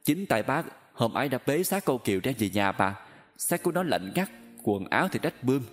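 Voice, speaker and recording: A man's voice: medium pitch, big pitch swings, a little fast, natural voice. A man voicing a grieving elderly woman who speaks through tears, in a storybook reading. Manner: wailing, tearful speech.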